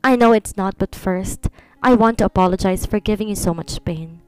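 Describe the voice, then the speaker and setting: A woman's voice: mid-range voice, moderate pace, clear, resonant tone, no room sound, soft background music, natural voice, rough recording. A woman voicing a young husband who teases and pleads with his wife in a storybook reading. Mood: pleading. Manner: coaxing, teasing, then apologetic.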